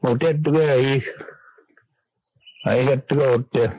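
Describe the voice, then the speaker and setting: An older man from Manitoba, Canada, a guest on a radio interview, recalling old times in a rambling, halting way with many restarts. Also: mid-range voice, fairly even intonation, darkish tone, a little hiss or hum, poor audio.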